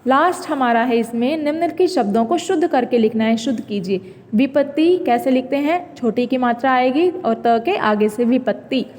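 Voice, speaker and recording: A woman teacher slowly reading out a school exercise, dictating words one by one with patient explanations. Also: sits high, lively intonation, a little mellow, long reverb tail. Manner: slow, patient word-by-word dictation.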